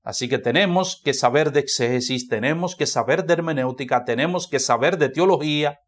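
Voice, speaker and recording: A man's voice: mid-range voice, a little fast. A man with a Dominican Spanish accent, a pastor preaching a sermon in church, who repeats key phrases for emphasis.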